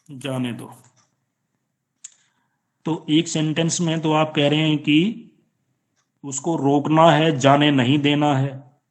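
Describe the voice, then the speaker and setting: A man teaching an online class with an Indian accent, explaining slowly and patiently with repeated examples. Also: fairly high pitch. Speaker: college teacher. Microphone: online class, computer or phone mic.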